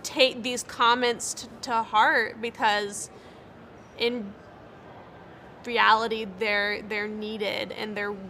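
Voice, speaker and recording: This young American speech-language pathologist stutters, repeating words and cutting off sounds as she gives earnest, encouraging interview answers. Her voice is fairly high, level in tone, slow, bright and forceful, with a little hiss or hum behind it.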